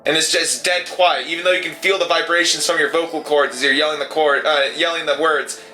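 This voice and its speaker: A man's voice: a little high, fairly even intonation, a little fast, pushed and bright, rough recording. A man narrating a tabletop horror game as game master, with many fillers as he describes scenes.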